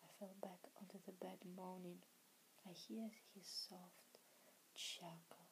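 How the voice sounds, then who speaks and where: A woman reading a romance novel aloud in a soft, unvoiced ASMR whisper. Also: on the low side, little pitch movement, slow pace, slight background noise, rough recording. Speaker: ASMR reader.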